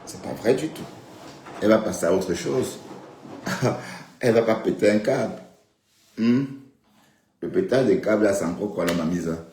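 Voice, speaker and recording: A man talks casually to his viewers on a live stream, rambling and tossing in little check-ins. His voice sits low. The room gives back a noticeable echo with faint background sound. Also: normal speed, pauses often, darkish tone, a little hiss or hum. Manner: rambling, addresses viewers directly with frequent "hein" and "d'accord".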